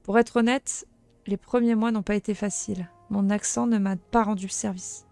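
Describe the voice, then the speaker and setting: A woman reading the lines of an earnest young male rat guard in a video game, in a plain, soft-spoken way. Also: mid-range voice, fairly even intonation, normal speed, gravelly, soft background music, natural voice.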